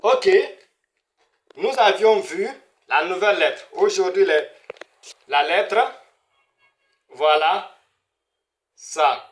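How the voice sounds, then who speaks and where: A man's voice: high voice, extremely slow, long pauses. A man teaching beginner Arabic pronunciation, repeating each sound over and over and checking in with "hein?" and "voilà". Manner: repetitive, drills sounds with frequent "hein?" and "voilà".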